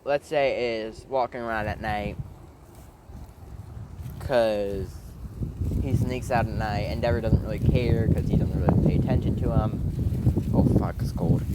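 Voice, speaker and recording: A man's voice: medium pitch, very noisy. A man casually narrating a made-up fan story, rambling, with fillers and the odd swear word.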